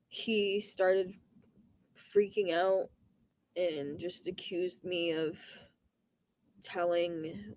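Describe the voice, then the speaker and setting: A woman on the witness stand under courtroom examination, giving brief, plain, halting answers to questions. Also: lowish voice, a little mellow, dry recording. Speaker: witness testifying.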